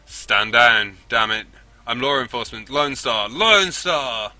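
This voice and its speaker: A desperate lawman pinned under fire, shouting in a hoarse roar, as a man acts him out. The voice is harsh and strained and has a tense, sharp edge. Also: mid-range voice, animated, slow, exaggerated voice.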